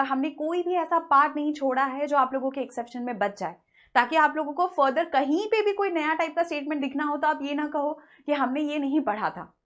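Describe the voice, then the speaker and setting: A woman's voice sits high as she lectures online on English grammar. She switches between Hindi and English, answers her own questions, and reads example sentences slowly.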